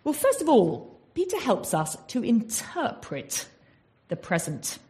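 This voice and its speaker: With a fairly high, mellow voice whose pitch swoops wildly, this woman from England speaks slowly. Her sermon is a Bible talk in an earnest teaching manner, frequently asking listeners rhetorical questions.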